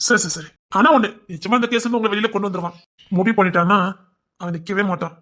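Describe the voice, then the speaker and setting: Man, high pitch, audio story narrator, plays all parts, conversational dialogue. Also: fast talker, pushed and bright. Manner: wondering, questioning, then conversational dialogue. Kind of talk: dramatic audio story telling.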